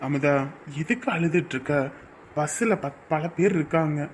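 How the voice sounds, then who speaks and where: An actor playing a steady middle-aged husband who comforts his wife in a calm, gentle voice. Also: a little high, a little slow, slight background noise, lightly acted. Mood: comforting. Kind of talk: TV drama acting.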